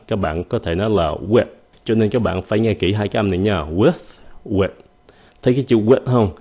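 A man giving a casual spoken lesson on English pronunciation, patiently repeating example words slowly. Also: on the low side, darkish tone.

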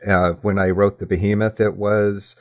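A low-pitched man, an audio drama writer, speaks as a guest in a conversational interview. His delivery is flat but reflective and thoughtful, and he often halts and restarts while working out what he means.

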